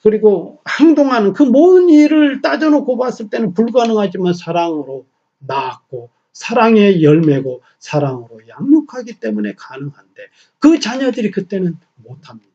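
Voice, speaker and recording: A middle-aged man preaching a Sunday sermon in a small church, swinging from loud emphasis to soft near-whispers. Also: sits high, sing-song, moderate pace, muffled recording. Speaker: pastor.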